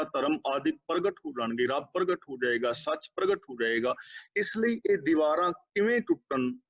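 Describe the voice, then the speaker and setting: A man preaches a sermon on scripture, his voice sitting slightly high. He recites each verse slowly and deliberately before explaining it. The recording sounds a little dull and muffled. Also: darkish tone. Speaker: Sikh preacher.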